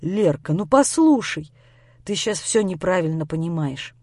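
A woman's voice: lowish voice, expressive, unhurried, warm tone, no room sound, studio quality, pitched below the performer's own voice. A woman voicing a young man who pleads with and soothes his upset girlfriend. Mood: flustered.

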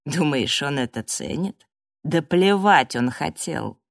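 A woman's voice: deep voice, animated, slow pace, vocal fry, dry recording, clean studio sound, heavily acted. Woman doing Raf, a sneering young man. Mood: cold taunting. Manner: mocking, confrontational.

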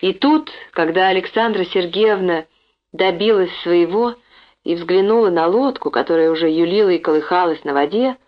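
A woman reading a children's story aloud in steady scripted narration. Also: fairly low pitch, normal speed, lo-fi sound. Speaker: audiobook narrator.

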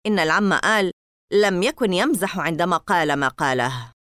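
A woman's voice: on the low side, brisk, dry recording, clean studio sound. A woman doing an ominous camp boy. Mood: grave. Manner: calm, grave, ominous warnings. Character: boy at summer camp, cold, mysterious, warning.

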